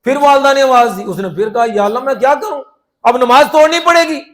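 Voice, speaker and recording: A man preaching a sermon in a storytelling way, acting out the people in his stories and swinging between loud and quiet passages. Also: very high-pitched. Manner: animated, acts out quoted voices, swings from loud to soft.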